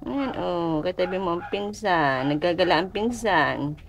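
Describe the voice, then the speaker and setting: A woman's voice: on the low side, expressive, measured pace, gravelly. Woman, home video, cooing repetitive baby talk, noticeable background noise. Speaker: family member filming babies.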